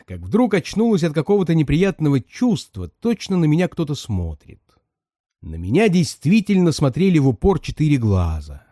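A male storyteller whose reading swings widely in pitch. His voice is mellow and dark, and the recording is dry and close. He acts out each character as he reads. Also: no echo. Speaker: reader.

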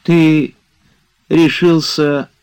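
A man reading aloud as an idle, touchy gentleman, reproachful and easily upset, in a storybook. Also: a little high, little pitch movement, extremely slow, clean tone, pitched above the performer's own voice. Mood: exasperated. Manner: exasperated, reproachful.

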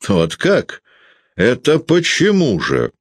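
A man's voice: medium pitch, huge pitch swings, slow pace, dry recording, clean studio sound, voice pushed up, full character voice. A man voicing a sullen, spiteful middle-aged male schoolteacher who needles and pries. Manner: needling, malicious, prying.

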